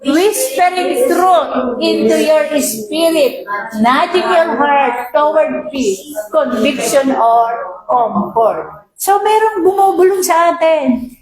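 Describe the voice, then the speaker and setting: A woman's voice: sits high, animated, takes it slowly, roomy sound, music in the background, low-quality recording. A Filipino woman pastor preaching a sermon, reading English lines and often asking her listeners questions.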